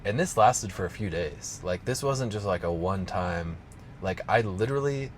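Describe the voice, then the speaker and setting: Low-voiced man telling a rambling personal story. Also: animated, normal speed, faint music behind. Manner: casual, rambling, heavy use of "like". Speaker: strength coach.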